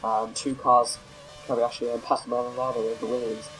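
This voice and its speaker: With faint music in the background and poor audio, a man of medium pitch talks briskly and flatly, his tone a bit bright. He's got a cold and sounds slightly nasal while casually commentating his racing game, rambling, self-correcting and using many fillers.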